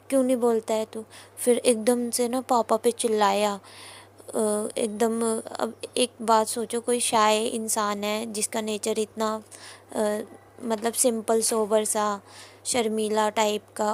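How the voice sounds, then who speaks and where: A woman's voice: on the high side, darkish tone. A young woman earnestly recounting a personal testimony to a congregation, often turning to address her listeners directly. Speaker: devotee sharing a testimony.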